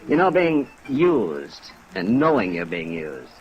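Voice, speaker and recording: An actor playing a bitter, wounded American doctor in a 1950s radio drama, brooding and emphatic. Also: male voice, fairly low pitch, huge pitch swings, slow pace, muffled recording, soft background music, full character voice. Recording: old radio recording with rain noise.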